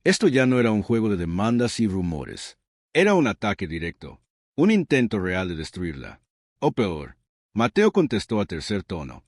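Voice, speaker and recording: A man's voice: fairly low pitch, huge pitch swings, moderate pace, darkish tone, no room sound, clean studio sound. A man reading a dramatic story as narrator, with suspenseful delivery.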